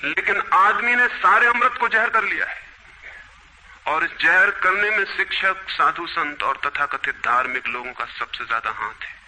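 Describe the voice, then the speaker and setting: A man's voice: on the high side, lively intonation, normal speed, sharp tone, slight background noise, poor audio. A man delivering a spiritual discourse in an earnest, emphatic way. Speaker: spiritual speaker.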